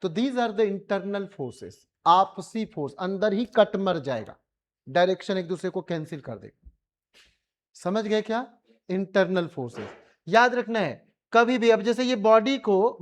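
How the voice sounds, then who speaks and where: A man's voice: high-pitched, lively intonation, measured pace. A male physics teacher with an Indian accent, giving a colloquial classroom revision lecture and pressing his students with repeated questions.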